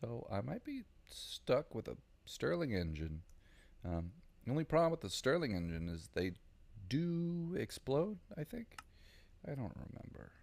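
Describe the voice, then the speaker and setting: Gravelly low Southern man thinking aloud. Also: sing-song, moderate pace, darkish tone. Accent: Southern American. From Southern United States. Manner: rambling, thinking aloud with many ums. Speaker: gaming video creator. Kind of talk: casual gameplay commentary.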